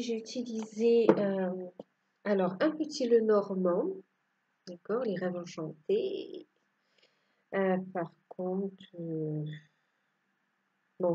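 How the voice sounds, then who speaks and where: Slow-talking lady doing a tarot reading, husky mellow voice, lots of ums, kinda muffled lo-fi sound. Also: mid-range voice. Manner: hesitant, many fillers and restarts. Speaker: tarot card reader. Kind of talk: casual spoken tarot reading.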